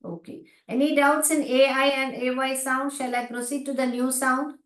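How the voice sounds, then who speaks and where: A woman teaching phonics to adults in an online class with an Indian English accent. She breaks words into sounds and keeps asking whether it is clear. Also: high voice, flat delivery, fairly bright tone, echoey room. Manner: slow, spelled-out sounds with repeated checks of "clear?".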